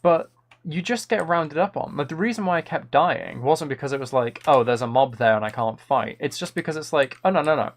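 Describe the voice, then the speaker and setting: Here a man with a fairly high, brisk voice chats casually while live-streaming a game. He thinks out loud in a laid-back running commentary.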